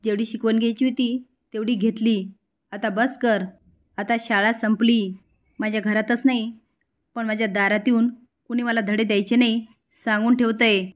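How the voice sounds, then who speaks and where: A woman's voice: fairly high pitch, fairly even intonation, normal speed, close to an everyday voice. A woman reading the lines of a proud, angry young woman who scolds her family. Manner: scolding, sharp retorts.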